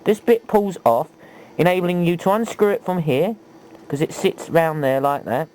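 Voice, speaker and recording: A hobbyist demonstrator with a somewhat high, darkish voice presents a chatty, hands-on video tutorial at normal speed, often posing rhetorical questions. It's a homemade, low-quality recording with faint background noise.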